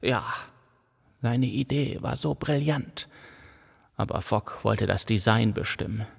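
A man voicing a grieving, half-mad old father in an audiobook, with a soft, androgynous voice and a dangerous edge of madness underneath. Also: medium pitch, slow pace, vocal fry, slightly rough, big-room sound, heavily acted.

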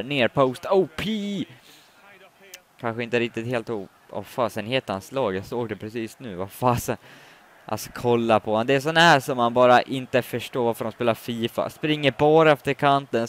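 A man giving live commentary on his own football video game match, muttering complaints and then shouting when a goal goes in. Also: mid-range voice. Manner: swings from muttering to shouting at goals. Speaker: gaming commentator.

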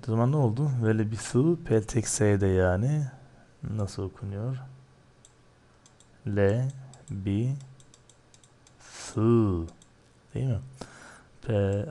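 A man teaching Arabic grammar, asking and answering his own questions, slowing down over each term. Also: fairly low pitch, darkish tone. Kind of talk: grammar lesson, explaining line by line.

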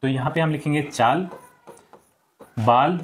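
Teaching young children from a textbook, this man patiently repeats the answers and keeps saying "theek hai." He talks unhurriedly in a voice on the high side, with slight background noise.

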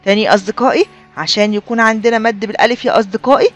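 A woman with an Egyptian Arabic accent teaching a children's reading lesson, repeating key points and slowly drawing out example words. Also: fairly high pitch, faint music behind. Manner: drawn-out sounding of example words; repeats and addresses learners as friends.

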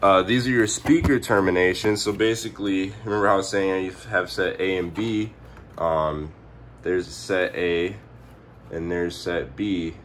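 A hungover man presents a home stereo tutorial from behind the camera indoors, rambling in a laid-back, slangy, off-the-cuff way. His voice sits low and fairly bright, with fairly even intonation and a measured pace. The handheld home video carries noticeable background noise.

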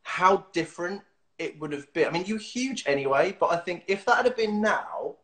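A man in his thirties, the host, chats his way through a casual video-call interview from a small home room on a webcam mic. His high, animated voice has a fairly bright tone and moves at normal speed, peppered with giggles, fillers and restarts.

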